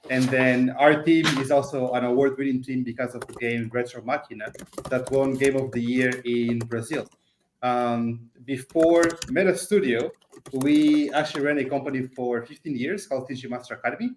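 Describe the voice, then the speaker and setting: A man giving a conversational company pitch as an interview guest, explanatory, with non-native English phrasing and filler words. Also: steady tone, normal speed, roomy sound, slight background noise. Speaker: game studio CEO, interview guest.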